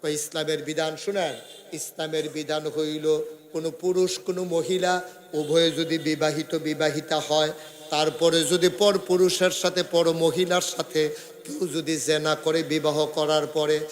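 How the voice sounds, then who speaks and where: A man preaching a waz sermon, chanting melodically and swelling from soft murmurs into loud, stretched, high cries. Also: flat delivery, unhurried. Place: outdoor religious gathering.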